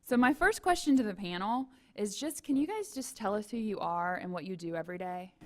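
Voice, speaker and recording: A woman's voice: medium pitch, expressive, a little fast, darkish tone. A woman running a college career office, moderating a panel in a chatty, self-deprecating way.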